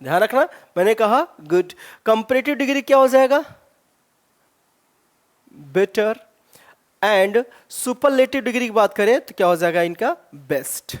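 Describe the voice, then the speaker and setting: A male English teacher giving an exam-prep grammar lesson, asking many rhetorical questions and saying his example words slowly with stress. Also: high-pitched, animated.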